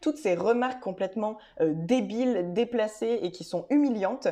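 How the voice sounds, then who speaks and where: A woman vlogger speaking straight to her audience in a loose, informal way. Her talk is full of filler sounds, restarts and little detours as she explains at a medium pitch. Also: moderate pace, dark tone. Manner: chatty, many filler hesitations and restarts; addresses viewers directly and informally. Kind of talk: casual explanatory video talk.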